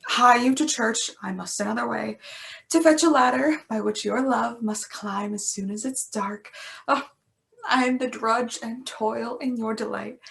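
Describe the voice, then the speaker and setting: Woman cast as a slow, sighing old nurse who drags out every complaint. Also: mid-range voice, vocal fry, a bit bright. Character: grumbling old female nurse, weary and teasing. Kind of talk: amateur Shakespeare reading.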